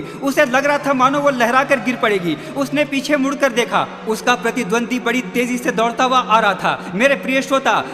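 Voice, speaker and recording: A man's voice: extremely high pitch, sharp tone, long reverb tail. A male preacher delivering a dramatic storytelling sermon, often calling out to his listeners. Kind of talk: recorded radio-style sermon.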